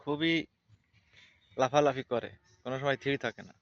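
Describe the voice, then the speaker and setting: A man's voice: mid-range voice, fairly even intonation, normal speed, no echo. Male vlogger, chatty and repetitive, on lo-fi phone audio. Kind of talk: casual vlog narration. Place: outdoors with a cow.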